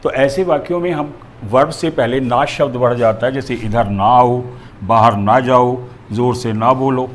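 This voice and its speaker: A man's voice: medium pitch, unhurried. A male teacher explaining a grammar lesson, methodical and going through examples step by step.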